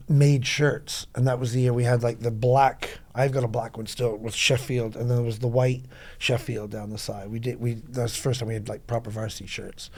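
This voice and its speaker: A middle-aged man rambling through club memories in a casual podcast chat, full of quick asides. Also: mid-range voice, darkish tone, slightly rough. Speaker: club veteran guest.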